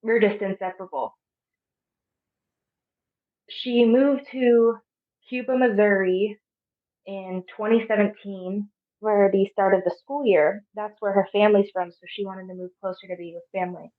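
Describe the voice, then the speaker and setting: A young woman in her twenties from Arizona, telling a personal story softly, with halting pauses. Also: mid-range voice, steady tone. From Arizona, USA. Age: 20s. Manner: soft, halting, with frequent pauses. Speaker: podcast guest. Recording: phone-like narrow sound.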